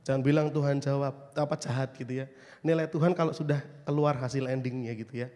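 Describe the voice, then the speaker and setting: A man, preaching a youth sermon in a lively way, often asking the congregation questions and acting out quoted voices. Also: medium pitch, fast. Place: church hall. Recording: long hall reverb.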